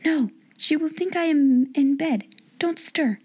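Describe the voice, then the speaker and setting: A woman voicing a spirited young girl who talks in a hushed, whispery way. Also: sits high, measured pace, pitched above the performer's own voice.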